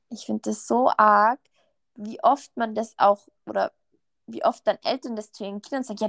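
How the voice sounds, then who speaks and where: A young woman with an Austrian accent talks in a relaxed, chatty way, her voice a touch high. She piles on fillers and sounds mildly indignant. The sound is dry, with no room around it. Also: vocal fry, dry recording. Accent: Austrian German. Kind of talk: casual chat.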